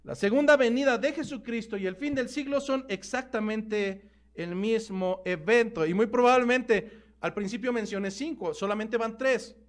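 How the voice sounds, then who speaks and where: A pastor with a Mexican Spanish accent preaches emphatically, his voice sitting high. He slows down to stress key words.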